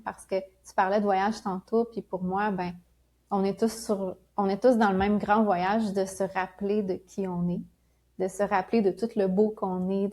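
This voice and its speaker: A woman from Quebec with a Québécois accent, a spiritual guest talking in a gentle, reflective way and laughing often. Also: mid-range voice. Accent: Québécois French. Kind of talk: casual conversational interview.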